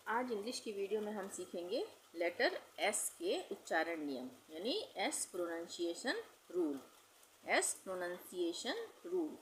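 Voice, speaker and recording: A woman's voice: fairly low pitch, very animated, unhurried, a little hiss or hum, poor audio. A woman teaching English pronunciation in Hindi, patiently repeating each rule and spelling words out letter by letter. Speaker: language teacher.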